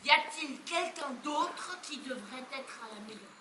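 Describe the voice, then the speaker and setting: A woman on a theatre stage playing a bossy, exasperated mother of the bride who shouts and interrogates. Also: high voice, expressive, unhurried, full character voice. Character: bossy, frantic middle-aged mother of the bride. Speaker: stage actor. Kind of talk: live stage comedy acting. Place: farm theatre stage, live audience. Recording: echoey room, far off, faint hiss.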